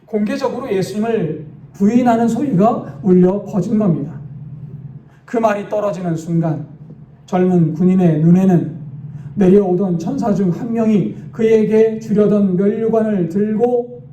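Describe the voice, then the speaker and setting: A man's voice: sits high, moderate pace, mellow. A male pastor preaching a sermon and telling a story vividly and dramatically. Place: church sanctuary. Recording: roomy, dull church recording from a distant mic.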